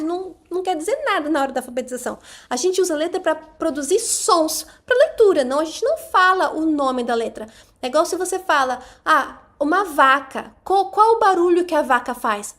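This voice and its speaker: A woman with a Brazilian Portuguese accent teaching an online lesson, sounding out letters slowly and repeating them for the listener. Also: sits high, fairly bright tone. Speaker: English teacher trainer.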